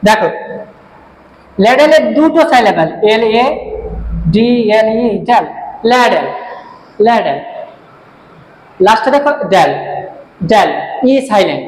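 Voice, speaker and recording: A teacher giving a lesson in a slow, patient classroom manner, spelling out words letter by letter and repeating them. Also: medium pitch, a little mellow. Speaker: English teacher. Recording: echoey room with faint noise.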